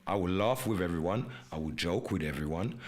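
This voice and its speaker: A man's voice: low voice, lively intonation, fairly quick. An English-born man with a Jamaican Patois-inflected English accent, hosting a live podcast in an emphatic, repetitive monologue that mixes in patois slang. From England. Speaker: podcast host.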